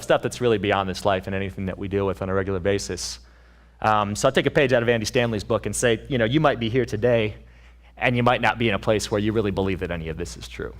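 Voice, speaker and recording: A young man, a pastor's son, preaching a casual, joking sermon at a church service, with many fillers and restarts. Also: fairly low pitch. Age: young adult.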